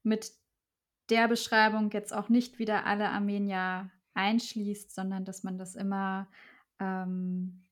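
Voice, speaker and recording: A woman hosting a podcast, soft-spoken and thankful as she closes an interview. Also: mid-range voice, flat delivery, slow. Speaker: podcast host. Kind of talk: interview wrap-up.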